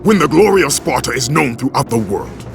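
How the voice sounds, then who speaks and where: Kratos, gravelly tormented Spartan warrior. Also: male voice, medium pitch, animated, fairly quick. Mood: grim, intense. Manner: intense, forceful delivery. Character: anguished, furious male Spartan warrior haunted by his past. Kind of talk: dramatic video game voice acting. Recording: loud orchestral music behind. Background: loud game score.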